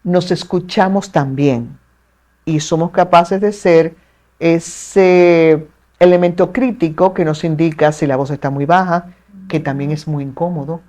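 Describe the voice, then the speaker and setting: Dominican woman explaining with expressive ease. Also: sits low. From Dominican Republic. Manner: articulate, measured, expressive with playful asides. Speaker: communication expert guest. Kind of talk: explanatory interview talk.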